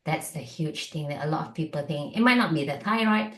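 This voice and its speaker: A woman's voice: low voice, animated, a little fast, fairly bright tone, roomy sound. A middle-aged woman from Malaysia, a doctor chatting casually as a guest, with many fillers. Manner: chatty, lots of fillers and likes. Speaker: functional medicine doctor, guest. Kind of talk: casual interview chat.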